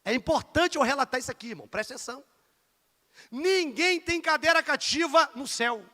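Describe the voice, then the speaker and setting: A man with a Rio de Janeiro Portuguese accent preaches a lively evangelical sermon in a high, bright, forceful voice, talking a little fast. He's emphatic, shifting between loud bursts and quiet asides, repeatedly calling listeners dear brother and asking for amens. The church sanctuary gives the sound a long reverb.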